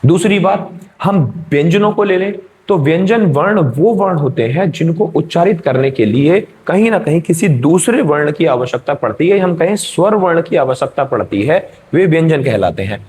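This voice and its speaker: A man's voice: a little high, animated, moderate pace, hardly any pauses, a little mellow. A male teacher giving an exam-prep grammar lesson, explaining step by step and checking in with his students.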